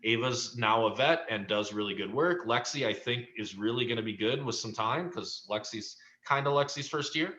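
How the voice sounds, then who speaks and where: A man's voice: medium pitch, normal speed, few pauses, bright, forceful tone, rough recording. A man co-hosting a casual recap, talking through performers with encouraging, rambling remarks and plenty of fillers. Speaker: improv league coach and co-host.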